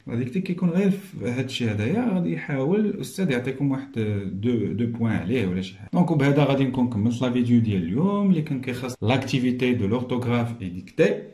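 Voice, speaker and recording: A man with a Moroccan accent teaching a recorded lesson, explaining step by step and slowly repeating each French word. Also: mid-range voice, expressive, dark tone, echoey room.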